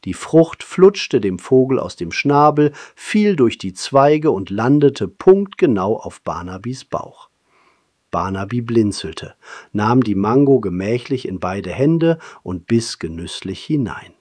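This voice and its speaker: Slow, lively male storyteller. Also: medium pitch, no echo, studio quality. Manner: slow, lively, expressive telling. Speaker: narrator. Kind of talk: storybook narration.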